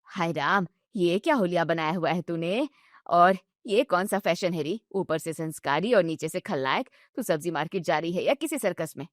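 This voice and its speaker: A woman's voice: on the low side, lively intonation, moderate pace, no room sound, clean studio sound, voice pushed down, close to an everyday voice. A woman voicing a strict older mother-in-law who scolds everyone sharply in a storybook tale. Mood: scolding. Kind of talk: storybook narration.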